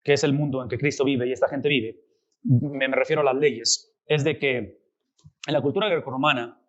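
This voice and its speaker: A man teaching a Bible class, lively and often asking his students rhetorical questions. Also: medium pitch, moderate pace, dull audio.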